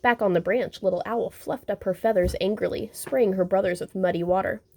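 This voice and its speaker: A woman reading a children's picture book aloud, gentle and expressive. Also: mid-range voice, fairly quick, a little hiss or hum. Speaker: storybook reader. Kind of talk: children's story read-aloud.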